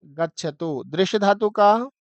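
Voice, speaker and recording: Male grammar teacher. His voice is high and clear, and his delivery is slow and deliberate. He does call-and-response drilling. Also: dry recording, muffled recording. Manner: call-and-response drilling, chanting verb forms slowly. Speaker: Sanskrit teacher. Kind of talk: grammar lesson.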